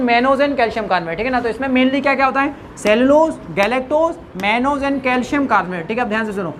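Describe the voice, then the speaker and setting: A woman's voice: fairly high pitch, a little hiss or hum. A woman biology teacher lecturing a classroom, repeating questions for the students to answer back and joking with them informally. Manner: repeats questions to the class, call-and-response drilling.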